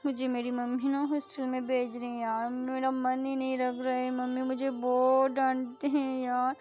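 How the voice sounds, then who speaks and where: A woman's voice: high-pitched, monotone, a little mellow, faint music behind, close to an everyday voice. A woman voicing a moody young college woman who complains and sulks. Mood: complaining. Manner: slow, sulky, complaining.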